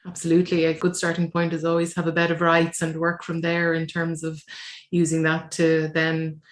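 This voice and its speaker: Woman, podcast host, monotone, low pitch, roomy echo. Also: normal speed, a little hiss or hum. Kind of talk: interview hosting. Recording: echoey room.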